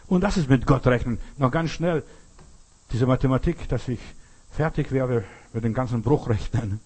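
An older man preaching a sermon, speaking emphatically with dramatic pauses, repeating phrases and addressing the listener directly. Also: medium pitch, darkish tone, breathy edge.

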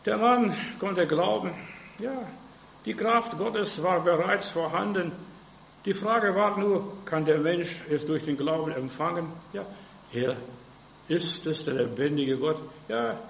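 Fervent German-speaking preacher, echoey room. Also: male voice, sits high, slow, vocal fry, a little hiss or hum. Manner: fervent, repeats "ja" constantly, acts out frightened voices. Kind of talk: sermon.

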